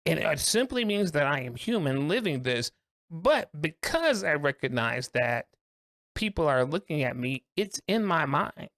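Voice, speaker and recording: An earnest man co-hosting a podcast, his voice rising and falling freely as he lays out his thoughts in deliberate, emphatic phrases. It is a close, dry recording with no room sound. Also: fairly high pitch, sing-song, a bit bright, no room sound. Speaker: co-host. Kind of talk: podcast discussion.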